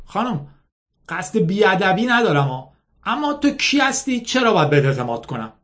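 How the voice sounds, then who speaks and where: A man puts on a nervous young man in a storybook who believes too easily. He asks his questions politely, anxious and a little high-voiced. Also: sing-song, a bit bright.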